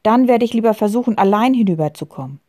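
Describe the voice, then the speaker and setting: A woman voicing a young girl who is gentle, anxious and pleading. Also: mid-range voice, lively intonation, fast talker, voice pushed up, lightly acted.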